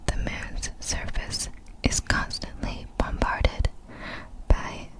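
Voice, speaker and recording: A female ASMR creator whispers facts in a breathy, completely unvoiced way, choosing her words with care and deliberation.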